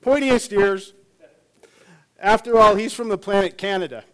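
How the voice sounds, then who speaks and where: A man's voice: high-pitched, normal speed, fairly bright tone. A middle-aged man, a hospice chaplain, giving a sermon with jokes and stories and many fillers. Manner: joking and storytelling with frequent fillers.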